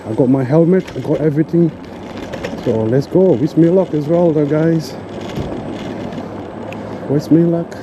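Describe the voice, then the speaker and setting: A man's voice: on the high side, lo-fi sound, background noise. A man chatting casually to his viewers as a vlogger while out riding a scooter outdoors. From Africa. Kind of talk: casual vlog chat to viewers.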